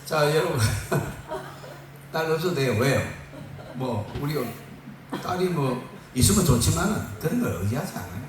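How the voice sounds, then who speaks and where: A male pastor preaching a sermon in a lively, joking way, laughing often, recorded on a phone from far off in a church hall. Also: a little high, a little slow, long pauses, a little hiss or hum. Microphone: phone far off in the room. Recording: echoey room from far off on a phone.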